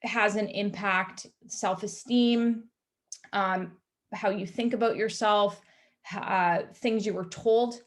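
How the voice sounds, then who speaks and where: A woman's voice: medium pitch, fairly even intonation, slow. A woman in her thirties speaks on a video call with a mid-range voice. She is a physiotherapist on a casual panel, talking straight and peppering her speech with "like" and "you know.". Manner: frank, filler-heavy, many "like" and "you know".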